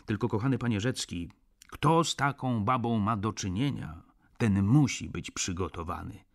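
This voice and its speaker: A man's voice: fairly low pitch, moderate pace, creaky. An actor reading a sardonic, cynical middle-aged male doctor in an audiobook, blunt and lecturing.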